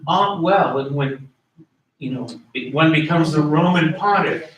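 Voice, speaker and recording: A man's voice: fairly high pitch, a little slow, fairly bright tone, echoey room, slight background noise. A man teaching a class in a conversational way, asking his students questions and repeating key words, recorded in a classroom from far off. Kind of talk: classroom lecture.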